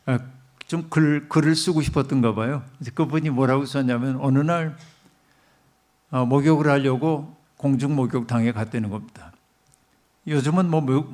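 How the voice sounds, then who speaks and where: A man's voice: medium pitch, a little mellow. Middle-aged male pastor, storytelling sermon, speaks directly to the congregation, mid-range voice.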